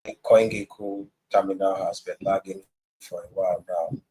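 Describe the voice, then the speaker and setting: Host on a video call: man with a low, husky voice, walking through a chart in a casual market breakdown. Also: little pitch movement, normal speed, mellow, low-quality recording. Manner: walks through a price chart step by step. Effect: voice heard over a video call. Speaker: crypto trading host sharing his screen.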